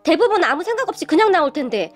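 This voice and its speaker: A woman voicing a proud middle-aged father who admires his daughter, speaking slowly. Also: extremely high pitch, very animated. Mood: admiring. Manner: admiring, slow-spoken.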